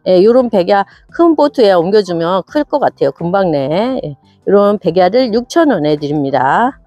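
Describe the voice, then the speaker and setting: A woman's voice: mid-range voice, big pitch swings, normal speed, mellow, dry recording. A cheerful woman from South Korea showing her succulents for sale, gasping and exclaiming at each plant. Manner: bubbly and cheerful, frequent gasps and exclamations. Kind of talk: casual product showcase. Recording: dull lo-fi sound with faint music.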